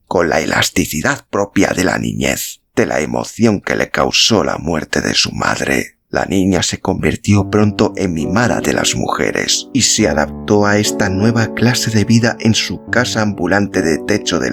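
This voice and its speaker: Reading a literary story as a podcast narrator in audiobook style, a man speaks in a low, creaky voice with big pitch swings. He's unhurried yet barely pauses, with instrumental music running underneath.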